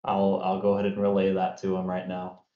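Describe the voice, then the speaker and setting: In dull, roomy audio, a deep-voiced man plays a tabletop role-playing game as one of the players. His delivery is completely flat and brisk, yet hesitant and heavy with fillers.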